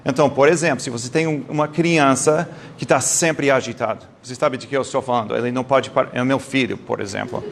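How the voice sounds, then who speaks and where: A man's voice: mid-range voice, quick pace, creaky, hardly any pauses, slight background noise. Man lecturing a live audience. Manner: lively storytelling, quizzes the audience, occasional non-native slips.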